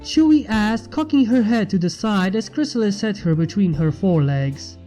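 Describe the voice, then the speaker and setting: Reading fan fiction aloud from a script, a woman keeps a moderate pace and a calm, mellow tone at medium pitch. Soft music plays faintly in the background.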